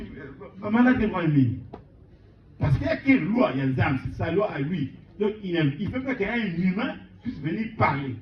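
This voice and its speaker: Animated high-pitched male preacher. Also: slight background noise. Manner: animated, repeats words for emphasis. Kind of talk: sermon. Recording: echoey room, distant mic, dull sound.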